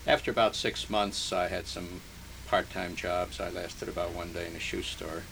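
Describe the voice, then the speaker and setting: Clear hiss from a noisy archival tape sits behind an older interviewee recalling the past, his low, gravelly voice even and flat. Hungarian-born and New Jersey-raised, he talks slowly and haltingly, filling frequent gaps while he tries to remember.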